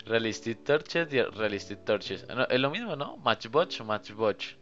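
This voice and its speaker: A young man, giving casual, chatty commentary while playing a game and thinking out loud to his viewers. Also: medium pitch, very animated, a little slow, dull audio. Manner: chatty, thinks aloud, often addresses viewers as "muchachos". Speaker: gaming youtuber.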